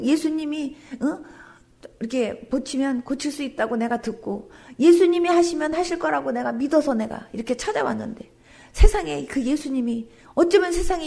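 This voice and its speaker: A woman pastor giving a dramatic testimony sermon in a church, dropping into hushed, whispered asides. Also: sits high, creaky.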